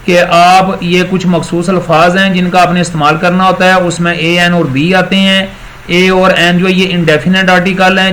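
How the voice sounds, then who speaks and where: A man giving a recorded English grammar lecture, explaining step by step, repeating words slowly and praising his students. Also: high voice, fairly bright tone, slight background noise, rough recording. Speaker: English teacher.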